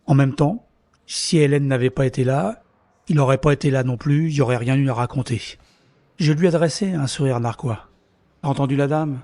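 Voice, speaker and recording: A man's voice: medium pitch, a little fast, no echo, close to an everyday voice. A man narrating his own story in the first person in an audio drama, bitter and introspective. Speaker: narrator and lead character. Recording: soft music underneath.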